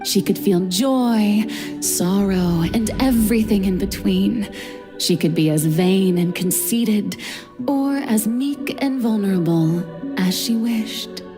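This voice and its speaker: A woman voicing a composed, regretful goddess woman in a video game, with a measured, solemn delivery. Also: medium pitch, warm tone, faint music behind, lightly acted.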